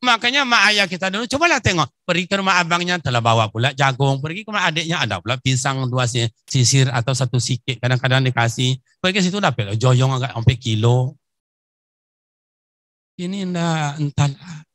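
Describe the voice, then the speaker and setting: Man, Riau Malay accent, lively preacher who acts out dialogue and jumps into sudden high bursts, dry recording. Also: a little fast, no echo. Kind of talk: lively sermon with acted-out stories.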